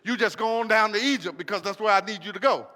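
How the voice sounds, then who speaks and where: A man voicing God as a calm, reassuring male figure who steadily repeats the same promise. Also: sits high, fast talker, long reverb tail.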